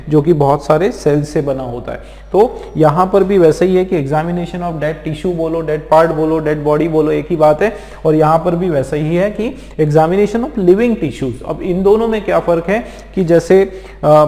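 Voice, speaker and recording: A man from India teaching English vocabulary in an exam-prep lecture, explaining slowly and checking in with his students again and again. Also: fairly high pitch, mellow. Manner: explains slowly with many repeated check-ins. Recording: echoey room with long reverb.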